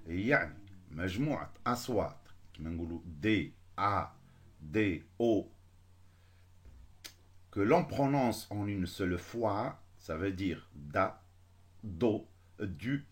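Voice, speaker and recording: A man with an Algerian accent teaching a beginners' French lesson, switching between French and Algerian Arabic and drawing out syllables slowly. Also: fairly low pitch.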